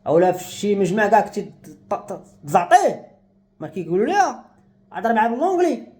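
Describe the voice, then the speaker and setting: A man's voice: high-pitched, sing-song, fast talker, a little mellow. A young man with a Moroccan Arabic accent, speaking to camera in an agitated, despairing rant. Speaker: vlogger. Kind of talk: emotional monologue to camera.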